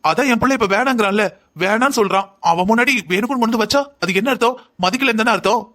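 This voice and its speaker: A stern older mother-in-law from a family cartoon drama, voiced by a man. The voice sits high and bright, and the lines come fast. She scolds and lectures the younger woman. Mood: hurt, reproachful.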